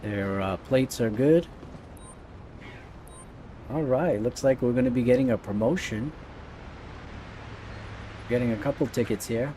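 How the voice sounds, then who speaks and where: A man's voice: medium pitch, a little slow, pauses often, mellow, a little hiss or hum. A man giving casual let's-play commentary as the host of a gaming video, with game ambience behind him.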